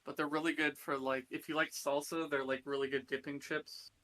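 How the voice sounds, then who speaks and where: A male tabletop player chatting casually and relaxed about snacks before the game. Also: fairly high pitch, brisk, a little hiss or hum. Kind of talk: casual chat.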